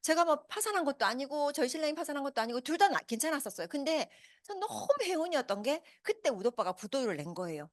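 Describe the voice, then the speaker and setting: A woman's voice: high voice, big pitch swings, fast talker, no echo, clean studio sound. A woman in her fifties gives a motivational business talk to a live audience, asking them many questions. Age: 50s. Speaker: business presenter. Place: meeting hall with a live audience.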